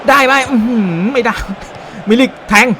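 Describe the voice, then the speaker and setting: A man giving excited, animated play-by-play commentary on a football video game, with frequent exclamations and a Thai accent. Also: extremely high pitch, normal speed, crowd noise, background noise. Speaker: gaming YouTuber.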